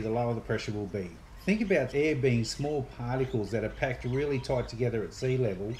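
A man's voice: mid-range voice, darkish tone, a little hiss or hum, rough recording. Australian man explaining in a matter-of-fact way. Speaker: fishing show host. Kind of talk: explanatory fishing video. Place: kitchen indoors.

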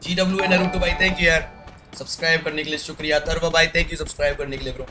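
Casting: young Indian male streamer, higher-pitched voice, gunfire noise behind. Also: little pitch movement, quick pace. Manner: shouts callouts, thanks subscribers in a mumble. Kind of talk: live gameplay chat with squad.

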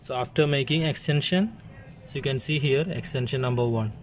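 At an equipment workbench indoors, a tech tutorial presenter demonstrates something hands-on, giving short, plain step-by-step instructions. His mid-range voice moves fairly quickly. It was captured on a handheld phone camera mic, and the room ambience is clearly noisy.

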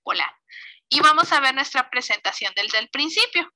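A woman's voice: high voice, expressive, normal speed, sharp tone. A woman with a Mexican Spanish accent teaching an online computer class, walking through each step patiently and checking in often. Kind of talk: online class screen demonstration.

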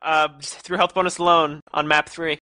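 An excitable young man wrapping up a live esports cast, his voice bright and sharp, a bit higher than most men's. He jokes and teases his co-casters, and the sound is dry and close. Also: normal speed, no echo. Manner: excitable, joking banter. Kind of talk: live esports commentary wrap-up.

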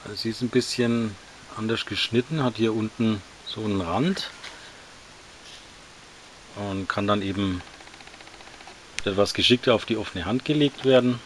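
A man casually reviewing action figures, talking in a relaxed, slightly halting way while he handles them. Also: on the low side, a little hiss or hum.

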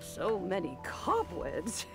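Sweet, creaky old granny. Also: female voice, lowish voice, wildly swooping pitch, full character voice. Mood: sweet, apologetic. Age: older. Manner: sweet old lady, gentle and unhurried. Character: sweet old granny with a coy, gently teasing manner. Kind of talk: video game character acting. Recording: game music under the voice.

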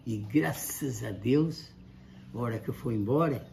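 A very old man in his eighties with a Brazilian accent, chatting casually in halting, repetitive, plain words as he recalls his life. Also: mid-range voice, dark tone. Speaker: grandfather sharing life lessons. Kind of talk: casual reminiscing chat. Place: indoor kitchen-like room, seated at a table. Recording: clearly noisy room ambience.

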